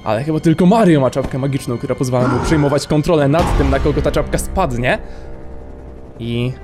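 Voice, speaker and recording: A man's voice: medium pitch, fairly quick. A man commentating on his own video game playthrough, making joking, sarcastic asides as he plays. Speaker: let's play host. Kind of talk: gameplay commentary. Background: game music.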